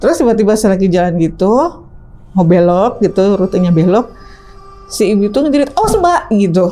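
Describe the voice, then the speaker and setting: A woman guest telling her own story in a chatty, animated, casual way, tagging her sentences with fillers. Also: mid-range voice, a little fast. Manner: chatty, animated, tags lines with "gitu". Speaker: ride-hailing driver, interview guest. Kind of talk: casual first-person storytelling.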